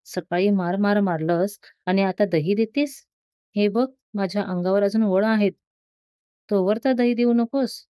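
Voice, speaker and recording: A woman's voice: mid-range voice, measured pace, warm tone, no room sound, clean studio sound, close to an everyday voice. A woman voicing a stubborn, hurt young boy in a storybook reading, speaking with a sulky, complaining tone.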